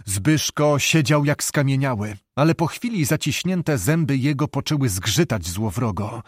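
A man narrating a historical novel in a measured, steady storytelling voice. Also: medium pitch, breathy edge, no echo. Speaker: audiobook narrator. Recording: dry close studio sound.

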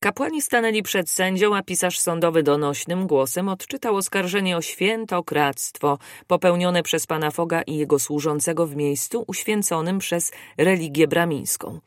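Steady audiobook narrator, dry close sound. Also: medium pitch, moderate pace, few pauses, no room sound. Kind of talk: scripted narration.

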